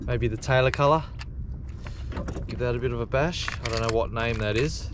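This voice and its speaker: Fishing from his kayak out on an open bay, a fortyish Australian vlogger keeps up an excited, casual commentary for his viewers. He speaks in a mid-range voice at a moderate pace, picked up by a kayak-mounted action camera along with outdoor wind and water noise.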